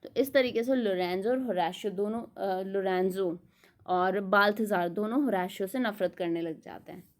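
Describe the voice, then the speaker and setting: Woman teaching in slow, mixed Hindi-English. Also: mid-range voice. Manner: explains in Hindi, reads English summary lines slowly; asks and answers her own questions. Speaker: literature teacher. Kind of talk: exam-prep lecture.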